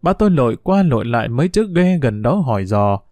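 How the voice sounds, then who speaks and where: A man narrating a story in a steady, measured reading voice. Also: mid-range voice, no echo, soft background music.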